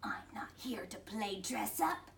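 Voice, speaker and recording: A woman voicing a grumpy clawed female monster in a raspy whispered role-play. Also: mid-range voice, expressive, slow, a bit bright, exaggerated voice. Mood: snarling. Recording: distant mic, faint background noise.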